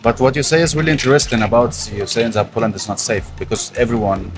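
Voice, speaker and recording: A man's voice: mid-range voice, fast. A man from Egypt, a vlogger, chatting casually and jokingly with a shop clerk in a clothing store. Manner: friendly, joking, repeats himself. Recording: loud music in the background.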